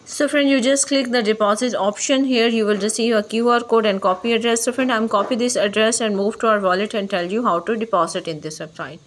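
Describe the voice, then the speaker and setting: A woman's voice: fairly high pitch, a little fast, hardly any pauses. Woman host narrating a phone screen tutorial. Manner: repetitive, addresses viewers as friend, non-native English phrasing. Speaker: YouTube channel host. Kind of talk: screen-recorded tutorial walkthrough. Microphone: voice-over on phone screen recording.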